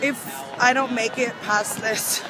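A tipsy American woman trades wry jokes while walking through a city, filmed on a handheld camera. Her voice sits a little high, with clear street noise around her. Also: fairly even intonation, unhurried, a loud crowd. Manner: wry and jokey, with loud whoops. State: drunk. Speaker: vlog co-host. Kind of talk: casual travel vlog chat. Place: outdoors in a city.

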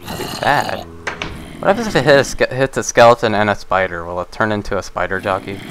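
A young man commentating his game play, loud, swearing and exasperated at what happens on screen. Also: on the low side, expressive, fairly quick. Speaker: gaming video host. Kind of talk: profane Let's Play commentary. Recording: noticeable background noise.

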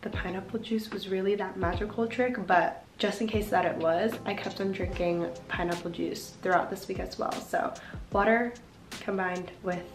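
A woman's voice: mid-range voice, steady tone, normal speed, slight background noise. Young woman after wisdom teeth surgery, roomy sound. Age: young adult. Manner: talking while recovering from wisdom teeth removal. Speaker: vlogger. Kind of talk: casual chat to camera. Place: indoors at home, bedroom and kitchen. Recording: roomy echo with music behind.

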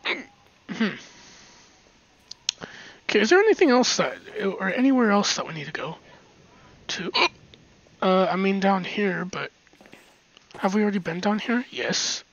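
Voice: mid-range voice, animated, a little slow, pauses often. A gameplay commentator rambling casually while exploring, often muttering asides under the breath and giggling. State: hiccups. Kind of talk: casual let's-play commentary. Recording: slightly dull lo-fi recording.

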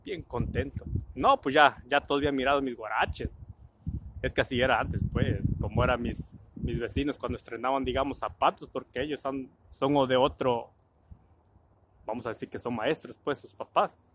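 A man tells a loose, rambling story from his childhood, mid-pitched and plain-voiced. His talk is colloquial and salted with swearing, and he slips into the voices of the people in his tale. A faint hiss sits under the recording. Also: moderate pace, a bit bright. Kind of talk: casual anecdote telling.

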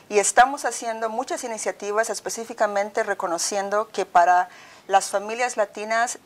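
A middle-aged woman from El Salvador, a university provost, answering interview questions in a measured, articulate way. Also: medium pitch. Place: office with bookshelves, indoors. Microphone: lapel.

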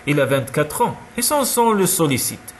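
A man's voice: a little high, sing-song, normal speed, a little hiss or hum. A man reading as a jovial, stout elderly father who lectures in an easygoing, dismissive way. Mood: breezy lecturing.

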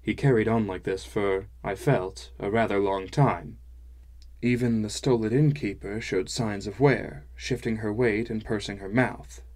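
A man narrating a fantasy audiobook in a measured, wry first-person style. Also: fairly low pitch, fairly even intonation, darkish tone.

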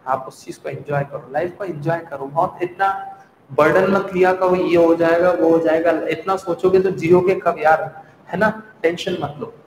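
A man's voice: a little high, steady tone, normal speed, slight background noise. Echoey Hindi-accented English teacher, man. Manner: chatty, reassuring, drills pronunciation by repetition. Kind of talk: online spoken-English class. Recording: echoey room with long reverb.

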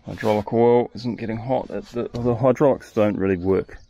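Gravelly bloke talking through milling a log, low voice, bit of outdoor noise. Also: male voice, normal speed, muffled recording. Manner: relaxed, thinking aloud with restarts. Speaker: sawmill operator. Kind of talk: casual first-person narration. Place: outdoor sawmill yard. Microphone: head-mounted action camera.

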